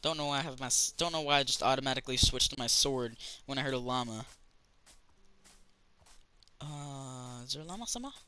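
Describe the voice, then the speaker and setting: A man's voice: medium pitch, steady tone, moderate pace, long pauses, bright, forceful tone, clear, resonant tone, faint music behind, poor audio. A man chatting casually as he plays a building game for his channel, rambling with lots of fillers and restarts. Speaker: gaming channel host. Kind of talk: casual let's-play commentary.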